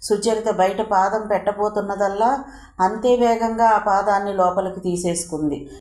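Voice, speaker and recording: A woman narrating a novel in a steady storytelling voice. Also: mid-range voice, normal speed. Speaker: audiobook narrator. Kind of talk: novel reading. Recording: roomy echo.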